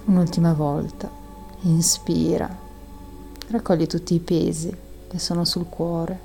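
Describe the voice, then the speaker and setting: Woman doing calm guided breathing, soft dark relaxed voice, faint music behind her. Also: lowish voice, vocal fry. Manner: slow, calming delivery with long audible exhales. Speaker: guided meditation instructor.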